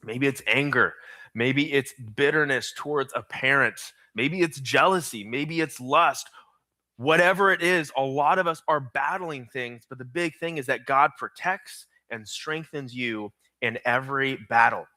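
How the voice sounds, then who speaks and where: A young man preaching energetically to middle school students, slowing down to stress key phrases. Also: mid-range voice, pushed and bright, no echo. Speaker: youth pastor.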